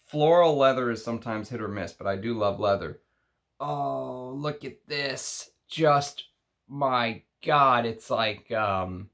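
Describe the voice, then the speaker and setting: A man with a Texas accent chatting unscripted through an unboxing, halting and thinking aloud as he reads out names. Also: medium pitch, fairly bright tone. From Texas, United States. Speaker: fragrance review show host. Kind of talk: unscripted unboxing chat, reading out names and notes.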